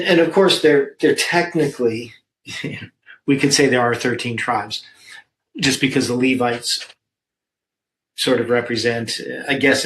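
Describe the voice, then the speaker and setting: A man's voice: medium pitch, a bit bright, a little hiss or hum, rough recording. Man, Bible study leader, thinks aloud, reads verses, medium voice.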